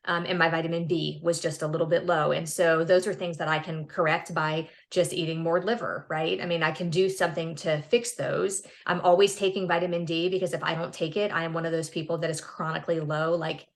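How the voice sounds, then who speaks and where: A woman's voice: deep voice, little pitch movement, fairly quick, vocal fry, few pauses. A woman in her fifties, a podcast guest, talking earnestly and upbeat in a casual interview, often restarting words. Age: 50s.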